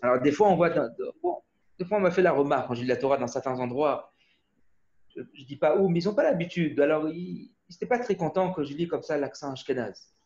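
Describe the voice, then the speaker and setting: A man born in Australia leads a casual Torah class over a video call, his voice slightly high, a touch quick, somewhat mellow, with lively intonation. He rambles, keeps restarting, and asks his listeners "hmm?" now and then. The call audio sounds muffled.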